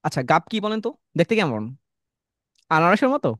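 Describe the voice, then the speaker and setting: A man's voice: high voice, big pitch swings, fairly quick, fairly bright tone, dry recording. A man running a live online class over a video call, drilling students on tongue twisters and calling on them one by one. His voice is dry and close, with nothing behind it. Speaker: online English teacher. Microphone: computer mic on a video call.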